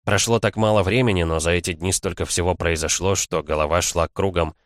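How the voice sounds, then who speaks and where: A man narrating a first-person audiobook in a measured storytelling manner. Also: sits low, steady tone, dry recording, clean studio sound.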